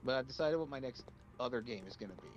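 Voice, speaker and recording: A man chatting casually with a co-host while playing a video game, reading out game text in a halting way. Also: medium pitch, expressive, lo-fi sound, soft background music. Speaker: game streamer.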